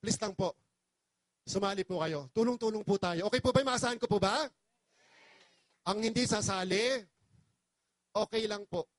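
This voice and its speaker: A man's voice: high voice, normal speed, pauses often, no echo. A man from the Philippines giving an impassioned, pleading testimonial to an audience as a business presenter, very polite and emotional.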